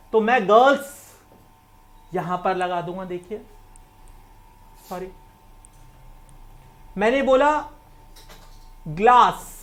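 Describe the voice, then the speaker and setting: A woman with an Indian accent giving an exam-prep English grammar lecture, explaining step by step and mixing English terms into Hindi. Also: a little high. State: coughing, needs water. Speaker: English teacher.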